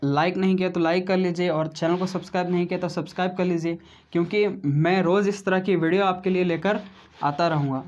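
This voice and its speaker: A man teaching a video grammar lesson who speaks slowly and deliberately, addresses viewers as friends, repeats each example and keeps adding a "right?" tag. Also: sits high, steady tone, darkish tone, highs cut off. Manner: slow and deliberate, says he explains step by step.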